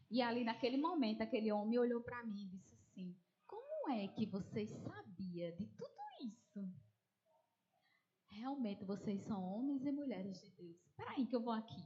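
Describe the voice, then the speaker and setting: A slightly high female voice on lo-fi sound preaches a testimony. Her accent is Northeastern Brazilian Portuguese; she tells the story with animation, acts out the voices of people in it, and addresses the listeners as dear ones.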